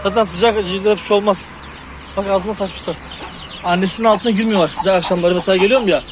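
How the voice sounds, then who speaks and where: A man doing chores in an outdoor chicken yard and chatting casually to his viewers, now and then shouting at the birds to shoo them. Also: sits high, fairly even intonation, fast. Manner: talks to the chickens and shoos them loudly. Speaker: poultry hobby vlogger. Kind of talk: casual chat to camera while doing farm chores. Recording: noisy outdoor sound with birds.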